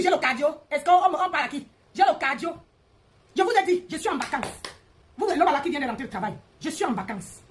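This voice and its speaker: High-voiced woman in a mocking rant. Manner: mocking, repetitive, confrontational. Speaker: live stream host. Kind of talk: heated live-stream rant.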